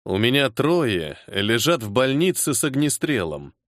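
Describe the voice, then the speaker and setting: A man's voice: medium pitch, sing-song, a little slow, dry recording, clean studio sound. A man voicing a hot-tempered major in his forties who speaks in clipped, caustic tones while holding back anger. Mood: restrained anger. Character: angry disciplined male major, forty-two, hot-tempered.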